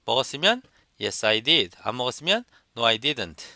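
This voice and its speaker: A man's voice: medium pitch, sing-song, unhurried, sharp tone, dry recording, clean studio sound. A man teaching an exam listening lesson, explaining step by step and repeating examples for students to copy. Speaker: English test instructor. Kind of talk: lecture.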